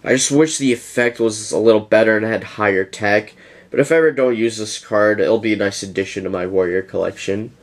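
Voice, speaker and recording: Rambling young man, fairly low voice. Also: fairly quick. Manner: rambling, yawning, chatty. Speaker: YouTuber presenting a card deck. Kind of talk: casual deck profile.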